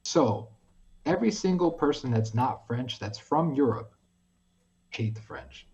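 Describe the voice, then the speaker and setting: Speaking at an unhurried pace with a medium pitch, this man comes through on dull audio. He's a New Yorker guesting on a podcast, casually spinning a story loaded with profanity and performing each line of dialogue.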